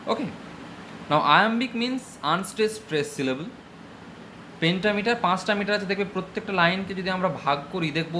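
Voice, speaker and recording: A middle-aged man with a Bengali accent lecturing as a high school English teacher, slow and deliberate in English, quicker in Bengali. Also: a bit bright, slight background noise. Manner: switches between slow deliberate English and rapid explanatory Bengali. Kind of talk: classroom lecture.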